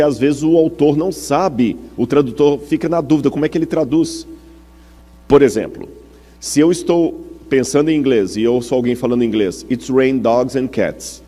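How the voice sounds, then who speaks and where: Mellow Brazilian preacher in a reverberant hall. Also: male voice, mid-range voice. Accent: Brazilian Portuguese. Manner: explanatory, checks in with the audience through questions. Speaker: preacher teaching a congregation. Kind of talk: teaching sermon.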